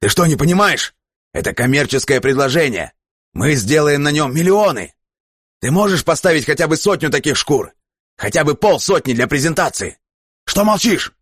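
Guy doing a greedy captain, shrill and pushy, husky voice, audiobook. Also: expressive, normal speed, dry recording, studio quality. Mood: frantic. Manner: shrill, pleading, rising to shouts. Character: greedy excitable male ship captain.

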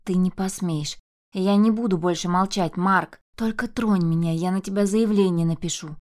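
A woman reading an audiobook, voicing a terrified young mother who whispers urgently to calm her child. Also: mid-range voice, fairly quick, close to an everyday voice. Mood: defiant. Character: frightened young mother, woman, desperate but protective.

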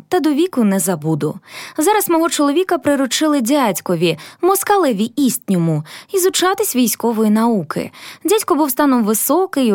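A woman's voice: sits high, a little mellow, no room sound, clean studio sound. A woman narrating a literary story, reading it with emotion. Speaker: audiobook narrator.

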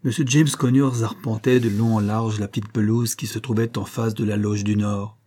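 A man with a lowish voice reads a classic novel as an audiobook, narrating in a measured, even storytelling manner.

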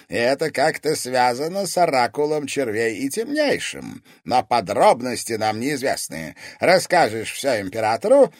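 A man's voice: on the high side, a little mellow, dry recording, clean studio sound, voice pushed up. A man voicing a smug police chief who speaks with a mocking tone in an audiobook. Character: smug middle-aged male police chief. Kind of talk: audiobook character voice.

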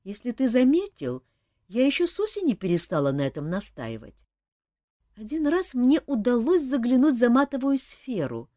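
A woman voicing a sad, gentle nymph who speaks sorrowfully. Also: on the high side, sing-song, normal speed, no echo, clean studio sound, voice pushed up. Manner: sorrowful, soft.

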